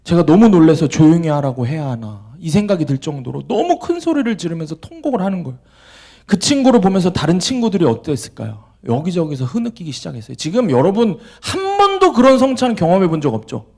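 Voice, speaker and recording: Young man, junior pastor, storytelling sermon, husky, fairly high voice. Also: fast talker. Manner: animated, acts out quoted voices, asks the audience questions.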